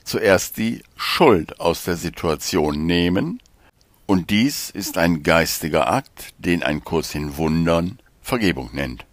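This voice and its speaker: A calm, patient guide in a German audiobook, speaking low and unhurried, as the narrator voices him. He lays out his thoughts in measured, gentle explanations, close and dry to the mic. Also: no echo. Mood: calm explaining.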